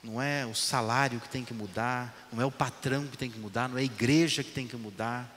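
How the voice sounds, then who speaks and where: A man preaching a sermon emphatically, repeating his points and dropping to hushed lines. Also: mid-range voice, steady tone, fast talker. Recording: echoey hall, faint noise.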